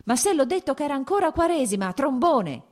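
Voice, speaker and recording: A woman's voice: on the low side, lively intonation, normal speed, darkish tone, natural voice. A woman reading the part of a short-tempered landowner man who fires off impatient, scolding questions. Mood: angry shouting.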